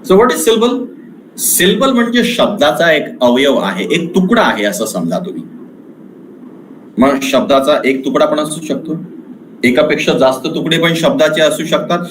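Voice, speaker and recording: A man teaching an online English lecture with an Indian English accent, speaking slowly and deliberately and switching between English and Marathi. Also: a little high, reverberant, slight background noise, low-quality recording.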